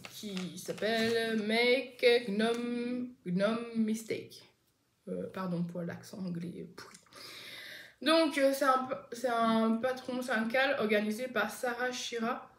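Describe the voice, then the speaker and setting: A woman chats about her knitting projects in an unhurried, meandering way, stopping often to correct herself. Her voice sits a little high and she takes her time. She sounds like she is seated indoors at home, in a room with noticeable echo. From France. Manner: chatty, rambling, many fillers and self-corrections. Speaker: knitting podcast host. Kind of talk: casual knitting vlog chat.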